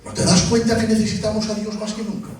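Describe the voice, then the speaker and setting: A man with a Spanish accent preaching a sermon as pastor, building to shouts and acting out short dialogues. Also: sits high, little pitch movement, quick pace. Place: church. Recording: echoey church hall from far off.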